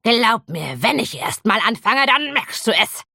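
Woman playing a male troll, mocking, scornful, swinging pitch, audiobook. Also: sing-song, a little slow, gravelly, sharp tone, no echo, studio quality, exaggerated voice. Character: sneering, quarrelsome male troll with a forked beard.

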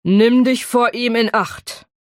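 A woman voicing a drunk, boastful male dragon who is loud, drawn out and taunting in an audiobook. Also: on the high side, animated, takes it slowly, dry recording, clean studio sound, voice pushed up. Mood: knowing, ominous.

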